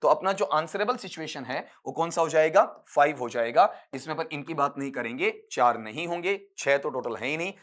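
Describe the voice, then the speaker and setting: A man teaching English phonetics for an exam. He explains step by step, addresses students fondly, and stretches words out slowly to show their sounds. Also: a little high, expressive, fairly bright tone. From India. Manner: patient, explains step by step, calls students "beta". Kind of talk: exam-prep lecture.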